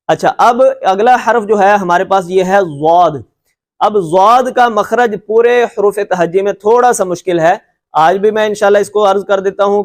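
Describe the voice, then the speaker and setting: A man teaching Quran recitation in a lecture, patiently repeating points and stretching out letter sounds to demonstrate them, with a reassuring tone. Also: high voice. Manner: reassuring and encouraging. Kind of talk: classroom lecture with slides.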